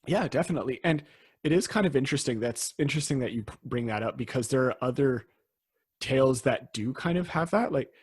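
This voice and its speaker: Husky-voiced man in casual podcast chat. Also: mid-range voice, lively intonation, fairly quick. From Canada. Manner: laughs often, restarts and hedges. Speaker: podcast co-host.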